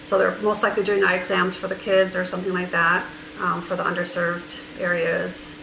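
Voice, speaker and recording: A woman on a board's staff reports at a meeting, hesitating with frequent ums. Her voice has a gravelly fry to it. She is heard in an echoey room with clear background noise. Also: fairly low pitch, completely flat delivery, a little fast.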